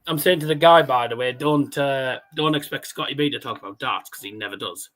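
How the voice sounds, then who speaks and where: Man with a stutter and soft R's. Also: mid-range voice, brisk. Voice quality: cannot pronounce R's, says w for r. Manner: casual, sweary, rambling. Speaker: livestream host. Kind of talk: casual watchalong chat and darts commentary.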